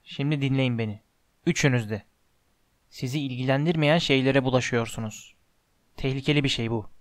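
Hagrid, gruff giant, as a man puts him on. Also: medium pitch, a little fast, dry recording, studio quality, voice pushed down, close to an everyday voice. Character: huge gruff male gamekeeper, stubborn.

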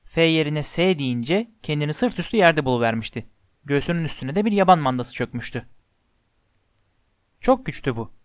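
A man narrating a storybook in an even, measured way. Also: fairly high pitch, dry recording, studio quality. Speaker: audiobook narrator.

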